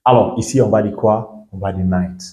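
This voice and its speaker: A patient man teaches a language lesson in a fairly low voice. He works through each point step by step and keeps checking that the learners follow. The recording has a roomy echo. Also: steady tone, normal speed, warm tone. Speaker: English teacher. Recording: echoey room.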